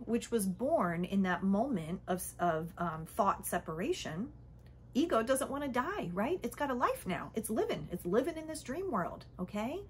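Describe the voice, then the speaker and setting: A soft-spoken woman with a medium-pitched voice gives a casual spiritual teaching talk, sometimes dropping to a soft whisper. She keeps it conversational, checking in often with "okay?" and "right?", and there is slight background noise.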